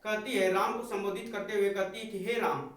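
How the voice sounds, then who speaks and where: High-voiced man teaching poetry in an echoey room. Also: steady tone, fairly quick, a bit bright. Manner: recites verse lines, then paraphrases them plainly. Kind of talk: poetry lesson, recite then explain. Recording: very echoey room, voice far from mic.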